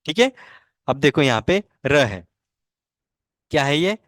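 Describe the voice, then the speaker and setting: A man's voice: on the high side, sing-song, slow, a bit bright, no room sound, clean studio sound. A man teaching a language lesson in Hindi. He drills syllables patiently and keeps asking questions and answering them himself.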